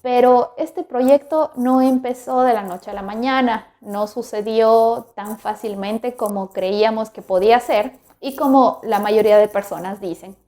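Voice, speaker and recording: A woman's voice: fairly high pitch, measured pace, few pauses. A woman in her twenties from Ecuador, hosting a podcast and telling her own story in a reflective, candid way. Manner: reflective and candid, warm direct address to listener. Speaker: podcast host. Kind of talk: personal storytelling monologue.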